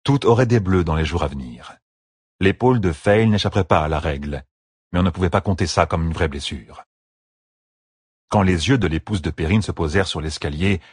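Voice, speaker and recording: A man reading an audiobook novel aloud as narrator, in an expressive storytelling manner. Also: deep voice, slightly rough, no room sound, clean studio sound. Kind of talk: scripted narration.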